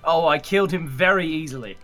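A woman's voice: low voice, brisk, a bit bright. A woman talking casually as a player in a tabletop role-playing game. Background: music.

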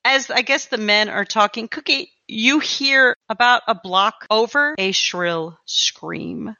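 A woman running a tabletop horror game as game master, animated and quick to laugh. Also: a little high, dry recording, muffled recording.

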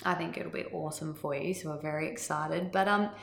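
A woman's voice: sits low, fairly quick, vocal fry, fairly bright tone, slight background noise. Friendly woman host, echoey room. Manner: friendly, teasing. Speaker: podcast host. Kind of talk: casual interview hosting.

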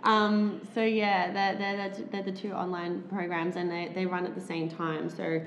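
A woman intimacy coach chatting as a podcast guest, enthusiastic and animated, often affirming the other speakers. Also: fairly low pitch, normal speed, a little hiss or hum. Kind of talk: casual podcast chat. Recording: roomy echo.

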